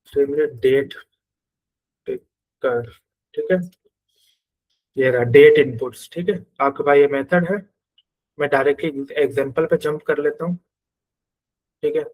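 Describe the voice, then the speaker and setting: A man's voice: on the high side, a little mellow, rough recording. A man with a Pakistani Urdu accent teaching a coding class, explaining each step and thinking aloud as he works through code on screen. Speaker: programming teacher.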